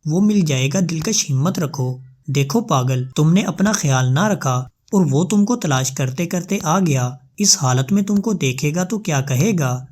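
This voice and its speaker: Man reading a gentle comforting young woman, soothing, reassuring, fairly high voice, storybook. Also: expressive, few pauses.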